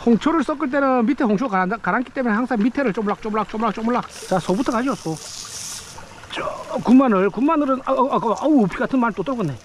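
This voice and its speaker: A fishing vlogger chats and exclaims to himself while eating and fishing on a rocky riverbank, filmed by day and night with a head-mounted action camera. His voice is very high-pitched and fast, with a little hiss or hum. It's casual outdoor vlog narration.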